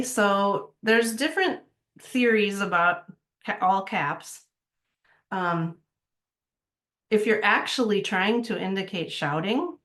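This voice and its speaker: A woman editor giving a casual talk on writing style, relaxed and conversational, thinking aloud as she goes. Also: mid-range voice. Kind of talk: casual presentation.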